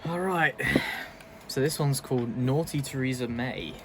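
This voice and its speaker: Guy doing casual reaction commentary, chatty, mid pitch, faint noise behind. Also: unhurried. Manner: chatty and laughing often, loose asides. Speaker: video host.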